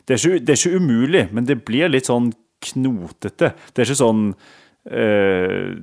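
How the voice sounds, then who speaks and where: Low-voiced man talking casually. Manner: reflective, hesitant with fillers. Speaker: guest telling dating stories. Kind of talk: casual conversation.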